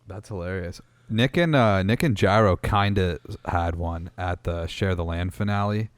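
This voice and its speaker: Uomo dalla voce bassa, parlata informale. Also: male voice, normal speed, dry recording. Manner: colloquial, swears freely. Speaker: podcast participant, musician. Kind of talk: casual podcast chat.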